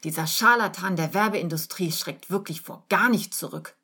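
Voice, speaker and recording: A woman's voice: on the low side, moderate pace, pushed and bright, slightly rough, full character voice. A woman doing a whiny, indignant office worker. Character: frustrated young woman office worker, dramatic. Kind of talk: audiobook character reading.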